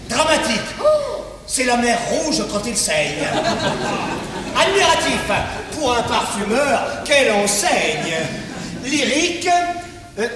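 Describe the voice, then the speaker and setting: A man's voice: extremely high pitch, fairly bright tone, exaggerated voice. An actor playing a proud, witty swordsman, declaiming verse on stage in a hammy, exaggerated manner. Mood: mocking, grandiose. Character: proud, witty, swaggering swordsman mocking an insult to his big nose. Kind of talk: theatrical verse stage monologue. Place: theatre stage, recorded from afar. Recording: echoey hall, distant mic, noisy stage recording.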